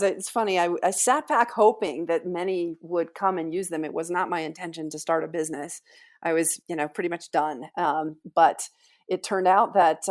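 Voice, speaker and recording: A woman, a company founder, talking energetically as a guest on an interview podcast and often restarting her sentences. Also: on the low side. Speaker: guest, founder and CEO of a financial firm.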